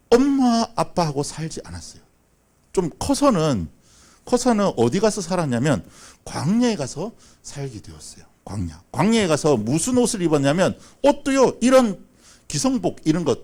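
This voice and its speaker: A man telling a Bible story as a children's sermon, acting out the characters with lively, animated delivery. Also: a little high. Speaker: children's pastor. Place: church.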